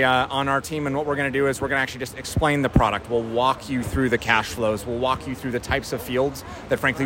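Very fast-talking North Dakota man. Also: medium pitch. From North Dakota, USA. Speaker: company representative being interviewed. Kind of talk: conversational pitch in an interview. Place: outdoors at a busy farm trade show. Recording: outdoor crowd and vehicle noise.

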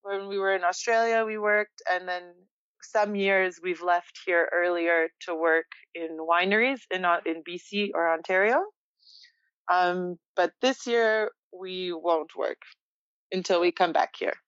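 A young woman from Poland, a guest in a casual interview, talking in a relaxed, reflective way and laughing often. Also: lowish voice, a little slow, clear, resonant tone, no room sound, dull audio.

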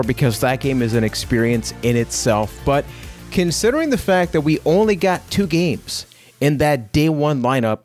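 A man's voice: mid-range voice, a little mellow. Upbeat man hosting a retro-game podcast. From Puerto Rico. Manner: upbeat, playful, jokey. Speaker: podcast host. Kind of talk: casual podcast chat.

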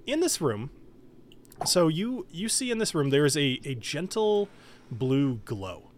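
A man running a tabletop game as game master, describing scenes in a relaxed way with many fillers, over an online call. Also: a little high, a little slow, slight background noise.

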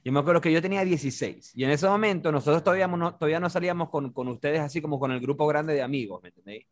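A young man with a Venezuelan accent, telling a slangy party story on a podcast and acting out the voices of the people in it. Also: on the high side. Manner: rapid, slangy, acts out quoted voices. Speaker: podcast host. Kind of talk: casual storytelling.

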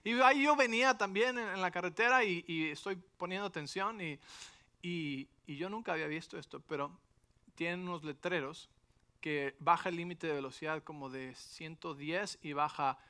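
A man's voice: fairly high pitch, moderate pace, smooth. A middle-aged man, a pastor telling a personal story in a sermon and checking in with his listeners often. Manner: animated storytelling with frequent rhetorical asides.

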